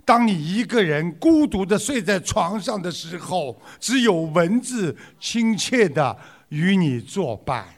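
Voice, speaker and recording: A man telling a string of jokes to an audience in an unhurried, animated way. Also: sits high. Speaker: joke teller.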